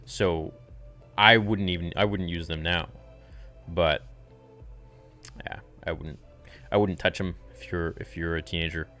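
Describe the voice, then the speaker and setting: A man in his twenties with a very low, deep voice, hosting a live-stream Q&A. He reads viewer questions aloud and answers in a relaxed, easygoing way. Faint music plays in the background. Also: unhurried. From Canada. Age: 20s. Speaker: fitness channel host.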